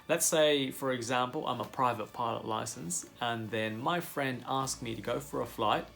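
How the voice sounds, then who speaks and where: A man's voice: mid-range voice, creaky, fairly bright tone. A young man with a Filipino accent, a commercial pilot casually explaining pilot licenses to his viewers, friendly and full of fillers. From Philippines. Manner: friendly, direct address to viewers, frequent fillers.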